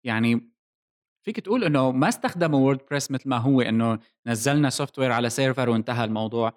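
A man's voice: mid-range voice, racing. A man with a Levantine Arabic accent hosting a casual tech discussion, explaining things and dropping in English technical terms. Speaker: podcast host.

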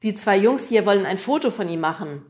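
A woman reading an audiobook, voicing a jovial, joking rich middle-aged man who talks loud and hearty. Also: medium pitch, expressive, brisk, lightly acted. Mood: jokey.

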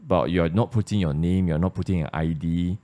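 A Malaysian man with a very low voice hosts a podcast discussion. He speaks in a casual, thoughtful way, circling back and repeating words while he works through an idea. His English carries a clear Malaysian accent. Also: a little fast, dark tone. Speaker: podcast host.

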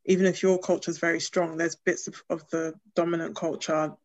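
A clinician raised in the UK by a Ghanaian family talks on a casual podcast, thoughtful but full of fillers and restarts. Her voice is lowish and brisk with little rise and fall, and the recording sounds muffled.

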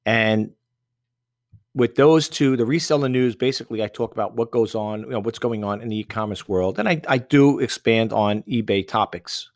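A man's voice: on the low side, normal speed, studio quality. Middle-aged guy rambling on his podcast, blunt, keeps restarting, no room echo at all. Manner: rambling, frank, repeats himself; reads a letter aloud. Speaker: podcast host. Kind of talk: casual podcast talk.

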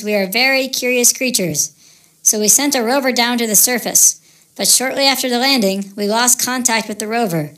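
A woman's voice: a little high, natural voice. A woman voicing a friendly, earnest alien traveler who explains things in a polite, formal way. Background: soft music.

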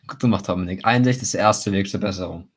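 A young man with a raspy, smoker-like voice, bantering casually as a podcast co-host and slipping English slang into his talk. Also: low-pitched, fast talker. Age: teenager or young adult.

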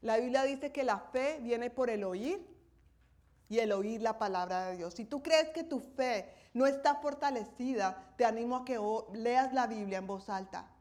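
A woman with a fairly high voice preaches a sermon. She talks conversationally, often checking that her listeners are following. She leans hard on key points. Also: measured pace, a little mellow.

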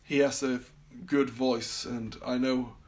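A Swedish man with a Swedish accent hosts a casual solo podcast from his summer house, full of fillers and restarts. His voice is mid-range, level in tone, and slow.

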